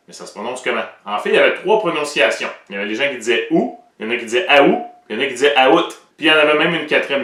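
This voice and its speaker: A man's voice: mid-range voice, bright, forceful tone, roomy sound, recorded from a distance. A man with a Québécois French accent, explaining pronunciation in a playful, joking way as the presenter of an educational show.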